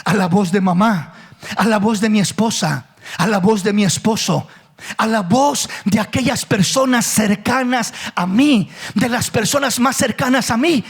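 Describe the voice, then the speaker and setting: Male pastor with a really high voice, preaching away, asks lots of questions. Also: a little slow, creaky, slightly rough. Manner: preaching with questions and acted quotes. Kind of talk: sermon.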